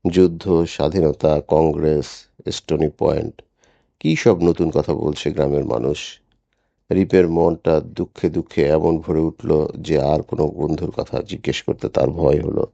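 A man narrating a classic story in steady, measured audiobook style. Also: low voice, vocal fry, no room sound, highs cut off.

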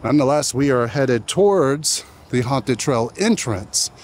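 A man's voice: mid-range voice, expressive, measured pace, slight background noise. A man hosting a casual event vlog, narrating and chatting outdoors as he goes. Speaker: vlog host. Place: outdoors at a haunted attraction at night.

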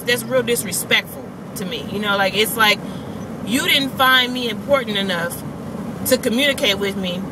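Chatty woman vlogging from her car. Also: fairly high pitch. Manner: chatty, emphatic, talks with her hands. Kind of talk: casual car vlog rant. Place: parked car, daytime. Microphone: phone camera on the dashboard. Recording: phone audio in a car with noticeable background noise.

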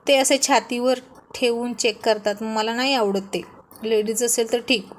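A woman's voice: on the high side, fairly even intonation, slight background noise, natural voice. A woman voicing a sulky young wife. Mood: pleading. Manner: pouting, quick to take offense.

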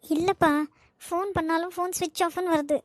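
A woman's voice: extremely high pitch, steady tone, no echo, studio quality. A woman voicing the anxious women of a family in a cartoon, speaking with a Kanyakumari Tamil accent. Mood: worried. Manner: fretful, quick family bickering. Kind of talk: cartoon voice acting.

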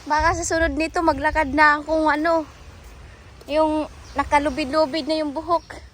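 A woman's voice: sits high, little pitch movement, moderate pace. A woman vlogging outdoors by the sea, chatty and playful. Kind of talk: casual outdoor vlog. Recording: loud waves and outdoor noise. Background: sea waves.

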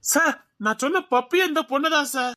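Woman voicing a deferential assistant, fast and slightly high; audio drama support role. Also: sharp tone. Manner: polite, explaining, addressing her boss.

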